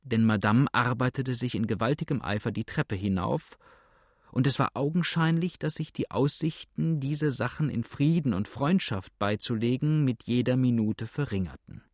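An audiobook reader narrates a scripted story in a measured storytelling manner. His mid-range voice is recorded at studio quality with no room sound.

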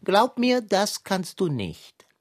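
A woman's voice: medium pitch, huge pitch swings, slow pace, full character voice. A woman voicing a vain, pompous male tomcat in a children's audio drama, talking in a haughty, affected manner. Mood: lofty.

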